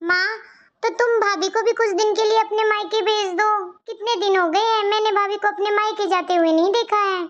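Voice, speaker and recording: A woman's voice: very high-pitched, fairly even intonation, fairly quick. A woman voicing a cheerful young woman visiting her parents in a cartoon story, breezy and reassuring. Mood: persuasive. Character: cheerful young sister-in-law visiting home. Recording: dull lo-fi audio.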